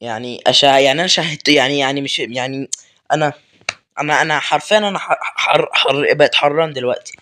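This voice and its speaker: A young man with an Egyptian Arabic accent, giving loud, excitable commentary on a horror game and yelling at its characters. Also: on the high side, fast. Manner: excitable, talks to game characters and swears at them. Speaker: gamer.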